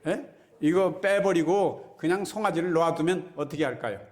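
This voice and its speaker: A man's voice: a little high, moderate pace, a little mellow. A man preaching a sermon as pastor, folksy and chatty, often checking in with his listeners. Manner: folksy, keeps asking the congregation "right?".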